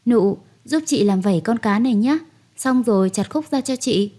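A woman's voice: a little high, normal speed, dark tone, lightly acted. A woman voicing a scheming young daughter-in-law who talks sugary-sweet but scolds harshly, in a read-aloud story. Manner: sugary when asking, harsh and scolding when angry.

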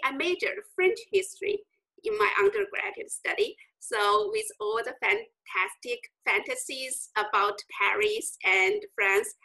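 A woman in her forties from China with a Chinese accent, a scholar answering interview questions earnestly over a video call. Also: rough recording. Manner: earnest and reflective, lively pitch swings. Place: indoor room with bookshelves.

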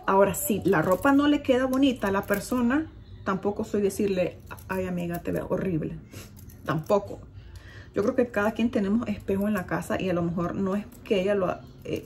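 A woman's voice: medium pitch, darkish tone, a little hiss or hum. A woman with a Nicaraguan accent, a vlogger chatting frankly to her viewers. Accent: Nicaraguan Spanish. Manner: chatty, frank, mildly scolding. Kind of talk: casual chat to camera.

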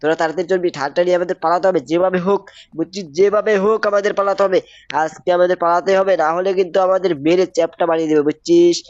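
Fast-talking excitable young male gamer. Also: sits high, no echo, lo-fi sound. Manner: excitable, repeats phrases, addresses viewers. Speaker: gaming YouTuber. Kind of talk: excited gameplay commentary.

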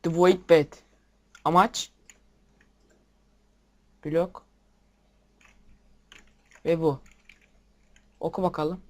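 A young man giving casual game commentary, excitable, swearing at the game and talking to his viewers. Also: a little high, extremely slow, long pauses. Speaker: gameplay video maker. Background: keyboard and mouse clicks.

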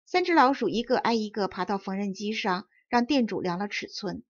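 A woman's voice: medium pitch, animated, brisk, no room sound. Woman narrating a children's fairy tale. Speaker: audiobook narrator. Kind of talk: storybook narration. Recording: dull dry audiobook recording.

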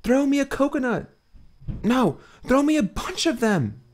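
A man doing a commanding young woman, pitched high. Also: very animated, measured pace, full character voice. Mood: urgent. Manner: urgent, commanding. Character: young woman, bold and quick-thinking.

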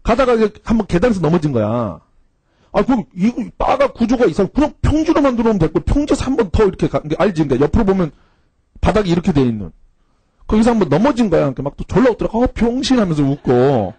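A man's voice: high voice, sing-song, fast talker, dark tone, breathy edge, dry recording. A man teaching a cram school class, telling a funny story to his students in a casual, slangy way. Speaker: cram school English instructor.

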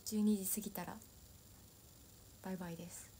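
Young woman, chatty, giggly, casual livestream chat, mid-pitched. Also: warm tone, slight background noise. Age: young adult. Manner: chatty, giggly, answering viewer comments. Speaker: idol livestreamer.

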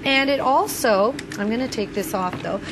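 Female home shopping host, chatty demo style, fairly high voice, noticeable studio background noise. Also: moderate pace. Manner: chatty, demonstrative sales talk. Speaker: home shopping product presenter. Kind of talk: home shopping host's product demonstration. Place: TV studio kitchen set.

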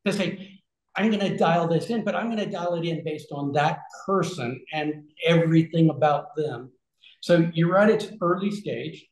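In an echoey small room, a man in his forties talks over a webcam with a somewhat high voice. He explains at length in a loose conversational way, full of fillers and restarts, gesturing as he speaks. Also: normal speed. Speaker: regenerative health concierge. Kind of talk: casual explanatory talk on a video call. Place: small room with shelves, indoors. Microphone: video call webcam.

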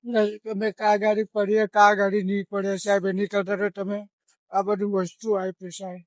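An older man speaks in a high, tearful voice. He pleads and weeps through the interview, and the sound is dry and close. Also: monotone, normal speed, no echo. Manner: tearful, pleading, breaks into comic newspaper patter. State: crying. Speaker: former comedian and magician, now homeless. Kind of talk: emotional interview. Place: outdoors.

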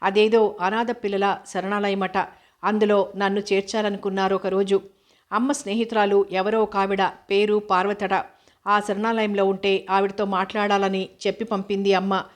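A woman narrating a story in the first person with steady, even storytelling. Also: medium pitch, normal speed. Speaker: story reader.

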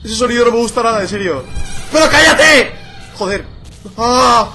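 A man's voice: very high-pitched, lively intonation, normal speed, gravelly. A young man with a Spain Spanish accent, playing a horror game at home at night, swearing and shrieking as he comments. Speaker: gamer. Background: game music.

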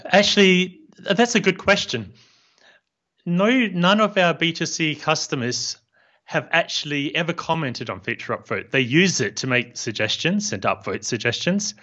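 In a relaxed interview chat, a software founder in his fifties with a New Zealand accent walks through his business in a somewhat high voice. His manner is friendly, measured and plain-spoken. He's in a home office with a boom-mounted studio mic and headphones, and the lo-fi sound is a bit dull.

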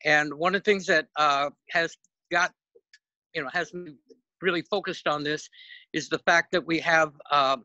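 A middle-aged man, a houseless advocate, speaking haltingly and earnestly with many fillers over a video call that breaks up. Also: on the high side, steady tone, bright, forceful tone, no room sound, muffled recording. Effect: heard over a video call that breaks up. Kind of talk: panel remarks on a video call. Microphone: dialed in remotely.

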